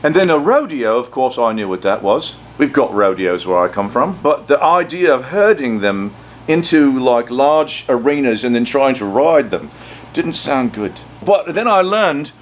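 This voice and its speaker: Joking man with lively pitch. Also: moderate pace, slight background noise. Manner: dry, joking, rambling asides. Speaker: recording studio producer. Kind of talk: casual interview chat.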